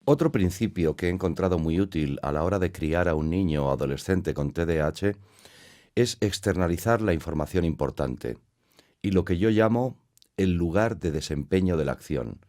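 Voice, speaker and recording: A man with a very low, deep voice reads a lecture for parents as a scripted voice-over. His delivery is measured and teacherly, laying out each point one step at a time. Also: lively intonation, darkish tone. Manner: measured, didactic, explains step by step.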